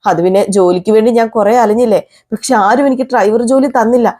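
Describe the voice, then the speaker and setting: A woman's voice: a little high, fast, warm tone, close to an everyday voice. A woman voicing Sachi, a proud young working-class driver, who speaks in an indignant, defiant manner while retelling a serial scene. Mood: pleading.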